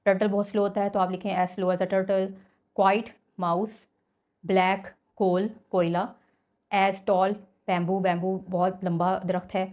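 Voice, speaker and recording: A woman's voice: mid-range voice, flat delivery, slow pace, a little mellow. A woman teacher explaining a school English lesson, reading example sentences aloud and then explaining them in Hindi-Urdu.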